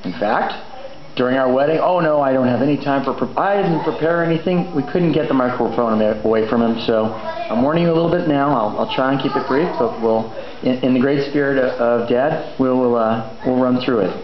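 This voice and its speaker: A middle-aged man, the son of the deceased, gives an informal eulogy at a memorial gathering in a large indoor venue. His medium-pitched voice moves a little fast, conversational and hesitant, with rambling asides. The room is echoey and the sound muffled, with crowd noise and faint background noise.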